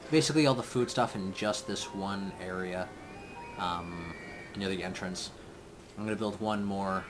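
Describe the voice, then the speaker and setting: A man's voice: lowish voice, background noise. A young man giving casual, rambling gameplay commentary, thinking aloud as he builds and often trailing off mid-thought. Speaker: let's play gamer.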